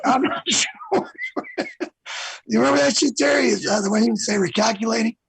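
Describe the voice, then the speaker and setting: Gravelly guy rambling thru stories in an interview, lots of um and you know. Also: extremely high pitch, rapid-fire, dry recording, low-quality recording. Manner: rambling storyteller, many fillers. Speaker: guest singer. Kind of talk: casual interview chat.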